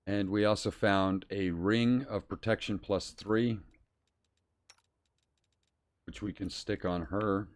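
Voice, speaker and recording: A man's voice: fairly low pitch, fairly even intonation, takes it slowly, long pauses. A man streaming a role-playing game, casually thinking aloud and reading out game text as he plays.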